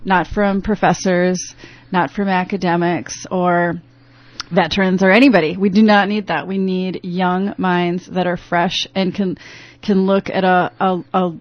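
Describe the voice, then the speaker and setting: A woman's voice: on the low side, level tone, measured pace, dry recording. A woman talking as a radio interview guest in a rambling way with many restarts, heard through a dull AM radio broadcast. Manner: rambling, full of restarts and fillers. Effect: AM radio broadcast sound. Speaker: interview guest, youth program founder.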